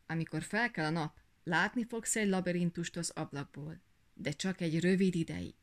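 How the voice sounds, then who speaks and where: A woman voicing a stern, watchful dragon who speaks slowly and firmly. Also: on the low side, lightly acted.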